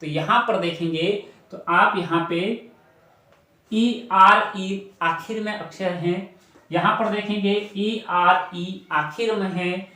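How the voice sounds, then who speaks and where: A man teaches a phonics lesson, speaking slowly and spelling out letters one by one. His voice is bright and clear, and he repeats each rule patiently. The room around him is echoey. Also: sits high, fairly even intonation. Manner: slow, repetitive, explaining step by step.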